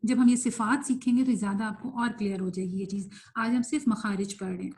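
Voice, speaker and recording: A woman teaching Quran recitation in an online class, explaining quickly and mixing in English words, then reciting words slowly and stretched out. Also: medium pitch, fairly even intonation, darkish tone. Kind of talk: online tajweed lesson, live class.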